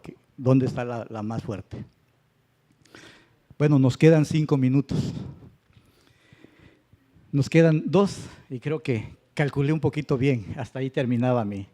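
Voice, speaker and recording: Slow, patient male grammar teacher. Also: on the high side, a little mellow. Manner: patient, checks understanding with tag questions. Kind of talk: classroom lecture. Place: church classroom.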